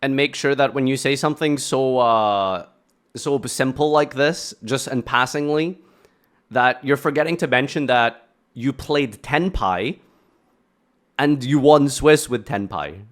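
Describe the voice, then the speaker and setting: A man's voice: mid-range voice, a little slow. A man giving casual reaction commentary on a video, blunt and ranting, with sarcastic asides.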